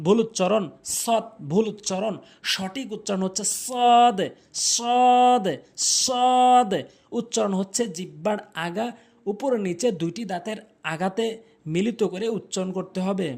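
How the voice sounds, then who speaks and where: A man's voice: sits high, a little fast, vocal fry, a little mellow. A man teaching Quran recitation, carefully explaining tongue placement and repeating each letter sound several times. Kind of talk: pronunciation lesson.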